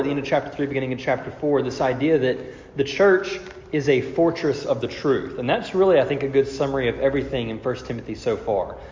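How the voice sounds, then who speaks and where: A pastor recovering from a cold preaches an expository Bible sermon to a congregation, walking through scripture step by step and posing rhetorical questions as he explains. His voice is fairly high with a darkish tone. The large room adds echoey hall reverb, and the sound is slightly dull.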